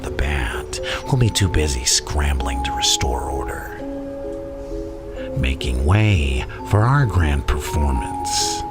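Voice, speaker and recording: A man playing the Joker as a theatrical, menacing madman, philosophizing in a gravelly, often whispered ASMR roleplay delivery. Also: very deep voice, animated, heavily acted. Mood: scheming, commanding. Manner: theatrical, drawn-out, conspiratorial. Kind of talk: ASMR roleplay villain monologue. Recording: music playing behind the voice.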